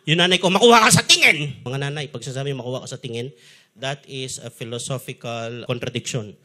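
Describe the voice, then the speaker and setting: A man's voice: mid-range voice, brisk. A man with a Filipino accent preaching a sermon, mixing Tagalog and English and acting out the quotes he tells. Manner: animated storyteller, switching between Tagalog and English, acting out quotes. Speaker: pastor.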